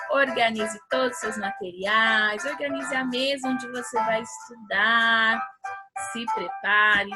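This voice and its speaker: A Brazilian woman teaching a remote lesson to young children. She is patient and encouraging, sounds words out syllable by syllable, and keeps checking that the children are following. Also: on the high side. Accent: Brazilian Portuguese. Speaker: primary school teacher.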